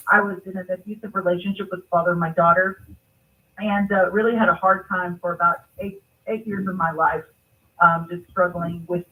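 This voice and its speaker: A woman's voice: fairly low pitch, distant mic, narrow, tinny audio. A middle-aged woman from Texas, calling in to a radio show and telling her story candidly and steadily. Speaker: call-in guest. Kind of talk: casual radio interview. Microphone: phone call-in.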